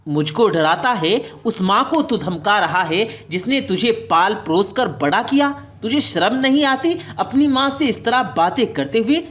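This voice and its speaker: A woman's voice: mid-range voice, expressive, hardly any pauses, a bit bright, close to an everyday voice. A woman voicing a grieving old mother in a storybook tale, who scolds and pleads through tears. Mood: angry.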